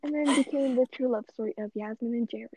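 A woman's voice: a little high, fast talker, dark tone, no room sound. A teenage girl telling a school romance story in casual chat, chatty and dramatic. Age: teens.

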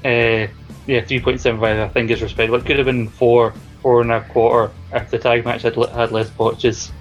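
A man chats as a panelist on a casual podcast, loose and conversational. His mid-pitched voice stays quite flat, with music underneath. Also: brisk, dull audio. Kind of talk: casual wrestling opinion chat.

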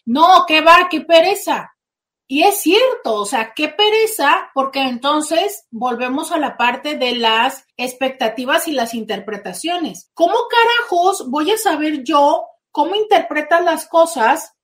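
A woman's voice: high voice, unhurried, hardly any pauses. A woman hosting a casual advice talk as a therapist, speaking emphatically and acting out little quoted exchanges. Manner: emphatic, animated, slips into quoted voices. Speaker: host and therapist.

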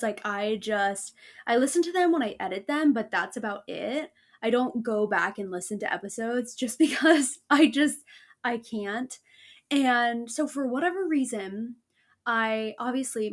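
A young woman hosting a faith podcast, talking casually with lots of fillers, restarts and laughs. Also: on the high side. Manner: chatty, frequent fillers and restarts, laughs often. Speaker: podcast host.

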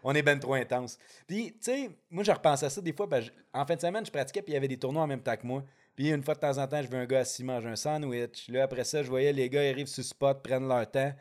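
A man's voice: mid-range voice, fast, a little mellow. A man with a Québécois French accent hosting a casual chat, teasing and slangy, mixing in English words.

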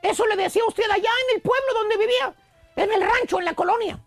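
A Mexican man with a very high, gravelly voice hosts a comic radio show. He tells a teasing story full of exclamations, with faint music underneath. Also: quick pace, dry recording. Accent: Mexican Spanish.

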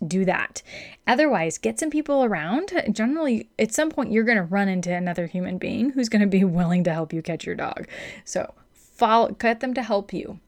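A woman, a dog trainer, giving upbeat, chatty, emphatic advice in a casual instructional talk. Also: medium pitch.

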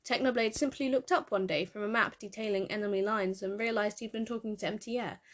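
A woman narrating a piece of fan fiction in a measured, expressive storytelling manner. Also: medium pitch.

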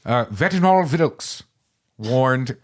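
A man's voice: mid-range voice, lively intonation, takes it slowly. A man co-hosting a comedy podcast, reading old dating advice aloud and joking about it. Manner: reads old quotes aloud, jokey, laughs often. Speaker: podcast co-host. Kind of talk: casual comedic chat.

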